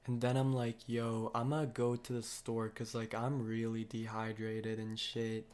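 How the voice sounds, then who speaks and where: A man's voice: medium pitch, monotone, measured pace, darkish tone. A young man casually telling a story to his viewers, with heavy slang and constant swearing. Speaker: vlogger.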